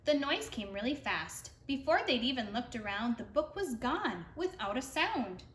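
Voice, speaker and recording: A woman reads a rhyming picture book aloud to preschool children, expressive with big pitch swings. Her voice is on the high side and fairly bright, at normal speed. The sound is roomy with faint background noise.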